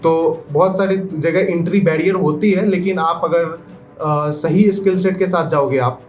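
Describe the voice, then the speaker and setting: Young man, fairly high pitch, hesitant, filler-heavy interview guest, faint music. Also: fairly even intonation, unhurried, darkish tone. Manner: hesitant, many fillers, mixes English into Hindi. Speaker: guest software engineer. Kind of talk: interview answers.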